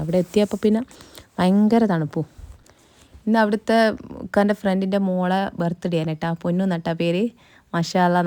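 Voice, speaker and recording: A woman's voice: lowish voice, dark tone, no room sound. A young woman narrating her travel vlog in a casual voice-over, chatty and tagging little words onto her sentences. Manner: chatty, tag words at line ends. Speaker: travel vlogger.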